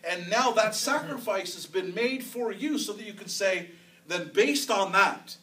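A man's voice: high voice, a little slow, sharp tone, distant mic, poor audio. A man preaching a sermon as pastor, in a conversational style that repeats phrases for emphasis. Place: church sanctuary.

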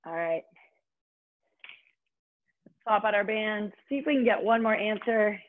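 Woman fitness instructor doing aerobics class cues, upbeat n encouraging, muffled low-bandwidth online sound. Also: measured pace, a little hiss or hum. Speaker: fitness instructor leading a live online workout. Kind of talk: aerobics instructor cueing, counting down and coaching. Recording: muffled, band-limited online stream audio.

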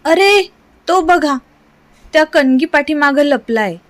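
A woman reading aloud and voicing a group of eager village boys calling out loudly for their friend. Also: high voice, slow. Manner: excited calling out.

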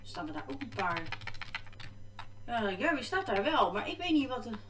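A woman talks her way through a game in a chatty, easily distracted way, often breaking into sudden exclamations. Her voice is bright and pitched fairly high, with a lively, swinging delivery. She sits back from her microphone in an echoey room, and keyboard typing can be heard behind her. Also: moderate pace, far from the mic, a little hiss or hum. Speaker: gaming vlogger. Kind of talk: casual gameplay commentary. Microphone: desk microphone. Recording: echoey room, mic off to the side.

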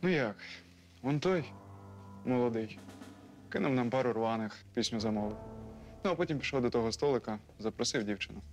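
A man's voice: medium pitch, lively intonation, brisk, long pauses, soft background music, natural voice. An actor playing a male restaurant musician who tells what he saw in a casual, plain-spoken way. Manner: casual, storytelling.

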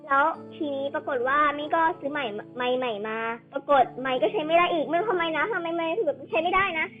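A woman's voice: sits high, fast talker, narrow, tinny audio, faint music behind. A young woman giving casual gameplay commentary over a Bluetooth headset, chatty and explaining the controls as she plays. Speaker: gameplay streamer.

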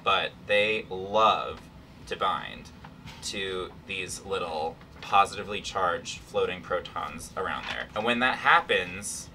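A man's voice: low-pitched, slow pace, pushed and bright. A young man explaining science casually, in a playful, slangy, irreverent way. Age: young adult. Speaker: chemistry presenter. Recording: distant camera mic, faint room noise.

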